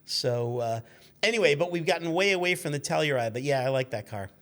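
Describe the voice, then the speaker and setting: Here a fiftysomething guest, a car magazine editor who used to be a radio intern, spins digressive, self-deprecating anecdotes with plenty of jokes. His voice is fairly high and a bit bright, expressive and fairly quick.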